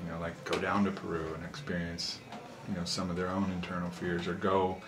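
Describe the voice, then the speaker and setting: A man's voice: deep voice, a little fast. A man in his thirties talking casually and reflectively, earnest and philosophical. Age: 30s. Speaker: interviewee, show host. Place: small sauna. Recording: echoey room with steady background noise.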